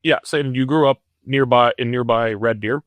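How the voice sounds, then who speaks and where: A man's voice: mid-range voice, normal speed, dry recording. A man conducting a news interview, hesitant, with many fillers and restarts.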